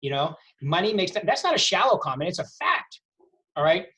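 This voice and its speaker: A man's voice: high-pitched, very animated, a little fast, pushed and bright. A middle-aged man coaching a real estate team over a video call, punchy and repeating his points for emphasis. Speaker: sales coach.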